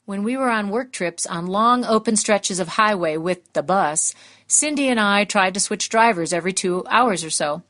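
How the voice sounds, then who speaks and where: A woman's voice: medium pitch, moderate pace, fairly bright tone. Woman telling a road trip story. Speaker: tribute speaker, fellow bus driver. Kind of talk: anecdotal tribute.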